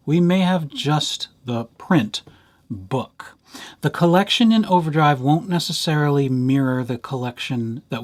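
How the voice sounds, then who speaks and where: A man with a slightly high voice gives an informal software tutorial as a library instructor. He talks conversationally, adding lightly playful asides.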